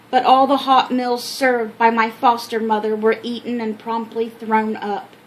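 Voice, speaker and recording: An older woman with an American accent reading her own memoir aloud as an expressive storyteller. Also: on the high side, low-quality recording. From Minnesota, United States. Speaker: author telling her life story. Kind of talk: scripted memoir narration.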